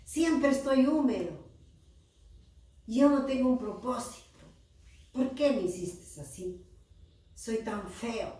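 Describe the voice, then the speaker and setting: A woman's voice: medium pitch, animated, slow pace, a little mellow. A woman voicing a small, anxious baby frog in a children's story, with whiny, pleading questions. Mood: sorrowful. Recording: echoey room, voice from far off.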